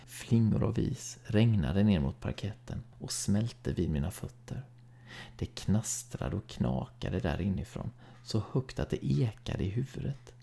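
A man reads a horror short story in a low, gravelly voice. His tone is dark and husky, and he keeps a calm, measured pace that sinks to a hush now and then.

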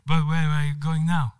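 A man's voice: fairly high pitch, darkish tone, clean tone, voice pushed up, natural voice. A man voicing a flirtatious Spanish male diplomat with a put-on Spanish accent and flowery, broken English. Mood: flattering. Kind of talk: comedic story reading.

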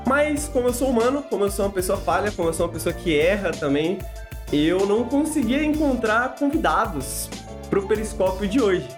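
Brazilian guy with a smoky raspy voice hosting a podcast live, casual, jokingly grandiose. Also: high voice, sing-song, fairly quick, over music. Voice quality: smoker's rasp. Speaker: podcast host.

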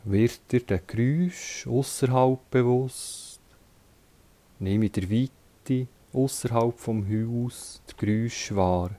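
Speaking at a medium pitch, this man guides a relaxation session as a yoga teacher, his Swiss German accent clear. Short, calm instructions are followed by lengthy silences.

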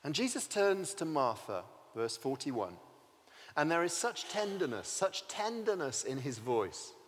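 A man's voice: a little high, sing-song, unhurried, in a large hall. A man preaching a sermon, telling the story vividly and asking rhetorical questions.

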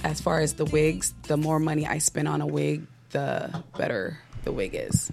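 A woman's voice: sits low, normal speed, gravelly, music in the background. A woman with a female voice chatting casually as a guest on a talk show. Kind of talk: casual chat.

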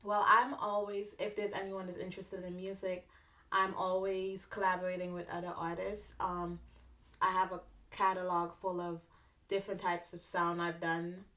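A young woman from Antigua with a Caribbean accent, a musician guest in a casual interview, chatty and quick to laugh as she acts out her stories. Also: lowish voice, little pitch movement, sharp tone.

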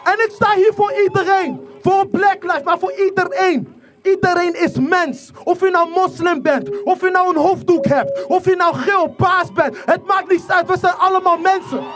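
A speaker from the Netherlands giving an impassioned protest speech outdoors, repeating lines and rising into shouts. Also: very high voice, steady tone, normal speed. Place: outdoor protest rally in rain. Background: faint crowd.

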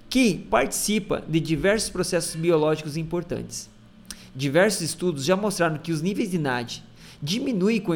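A man reads a news article about a health study aloud, adding casual asides and restarts as he explains it. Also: fairly high pitch.

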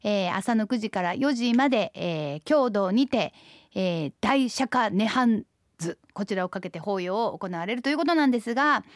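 A woman's voice: mid-range voice, lively intonation, moderate pace, no echo, studio quality. A woman with a Kansai Japanese accent hosts a conversation in a polite manner. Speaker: radio host. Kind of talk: conversational hosting.

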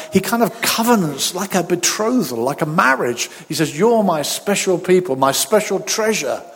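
A man preaching and praying in a conversational, storytelling way at a pulpit microphone in a large reverberant hall. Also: fairly high pitch. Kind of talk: sermon with spoken prayer.

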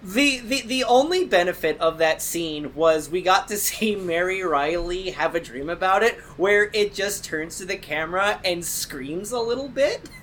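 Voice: mid-range voice, lively intonation, moderate pace, hardly any pauses, a bit bright, a little hiss or hum. Playful analytical podcaster, full of restarts. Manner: analytical but playful, self-correcting, many "like"s. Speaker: podcast co-host or guest. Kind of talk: casual movie-discussion podcast chat.

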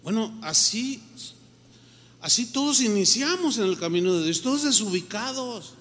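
A man preaches in a fairly high voice, his lively delivery slipping into little acted-out reactions. His sermon rings with a long tail of reverb from a large hall. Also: normal speed. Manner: animated, acts out quoted reactions. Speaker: pastor.

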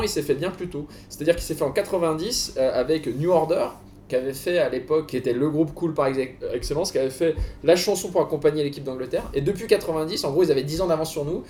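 A man with a slightly high voice talks casually and enthusiastically, explaining as he goes. The room is clearly echoey, with faint noise behind him. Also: mellow. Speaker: guest author on a football and music show. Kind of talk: casual discussion. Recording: roomy echo, faint background noise.

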